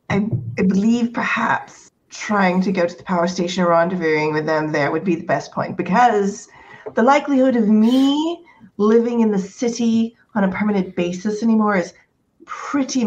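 A woman's voice: mid-range voice, muffled recording. A woman playing a tabletop role-playing game, talking in character conversationally and hedging as she reasons aloud.

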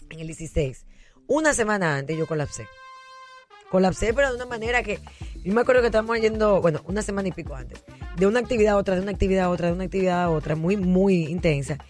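A woman's voice: mid-range voice, faint music behind. A middle-aged woman, a political candidate, telling stories in a candid interview. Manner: animated, rapid storytelling.

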